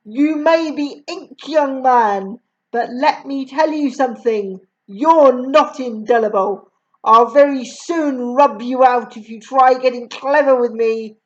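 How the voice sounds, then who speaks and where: A woman's voice: high voice, slow pace, muffled recording. A woman voicing a huge, bullying female headmistress who barks and snaps at children. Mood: menacing. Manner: barking, snapping, loud.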